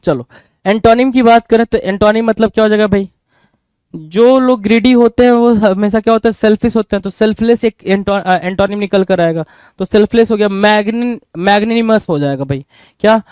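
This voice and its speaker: A man's voice: sits high, a little fast, a little mellow, smooth, no room sound. A man with an Indian accent teaching English vocabulary in an exam-prep lesson, often asking the class a question and answering it himself.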